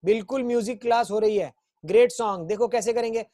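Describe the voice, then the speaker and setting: A man's voice: sits high, warm tone, no echo. Man teaching an online class, dry sound. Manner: repetitive, coaxing, chants memory rhymes slowly. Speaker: school chemistry teacher.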